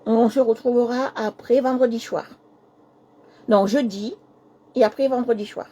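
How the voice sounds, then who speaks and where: This woman runs a casual craft livestream, her hoarse voice cracking as she speaks softly, says sorry frequently, and goes over things again. Her pitch is a little high, her intonation fairly even, her pace measured, and the highs are cut off.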